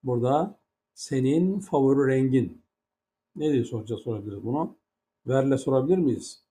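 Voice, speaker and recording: A man's voice: mid-range voice, fairly quick, dark tone, slight background noise. A man teaching an English grammar lesson in Turkish, with a Turkish accent in English. He explains patiently, step by step, and asks many rhetorical questions.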